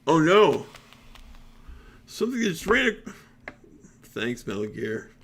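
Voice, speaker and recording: A man's voice: on the high side, big pitch swings, takes it slowly, fairly bright tone, husky. A man streaming a game, reading dialogue aloud with chatty asides.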